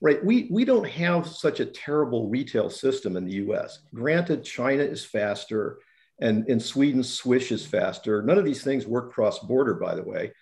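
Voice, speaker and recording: A man in his sixties debating on a video call, insistent and quick to interrupt. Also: mid-range voice, expressive, a little mellow. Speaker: panelist, economist.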